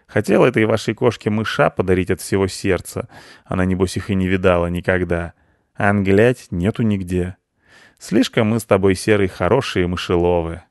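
A cocky red village tomcat from a children's storybook, as a man puts him on, loud and pushy. He brags in rough, folksy speech about his mouse hunting. Dry, close sound. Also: low voice, moderate pace, no room sound. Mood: boastful.

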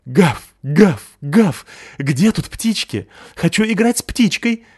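A man reads as a boisterous male malamute in a children's storybook, his voice pitched high and loud, shouting and barking. He bounces with carefree excitement and never sits still. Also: unhurried. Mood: excited.

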